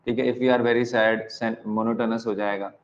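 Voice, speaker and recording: A man with an Indian accent gives an exam-prep lecture in a blend of Hindi and English. He dictates slowly, repeats key lines and spells words out letter by letter. His voice is fairly low and flat, and the audio sounds dull.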